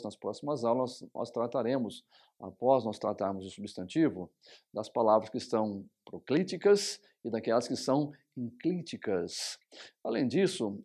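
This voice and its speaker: A man, a pastor teaching a recorded Bible study on biblical Greek. He explains patiently, repeats terms, and slows down to spell out Greek words. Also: fairly low pitch, darkish tone.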